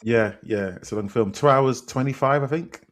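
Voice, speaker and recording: A man's voice: mid-range voice, normal speed. A British man co-hosting a film podcast, easygoing and agreeable, often answering with "yeah" and "mm". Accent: British, London slang. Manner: laid-back, agreeable, many "mm" and "yeah" replies. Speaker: podcast co-host. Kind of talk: casual chat.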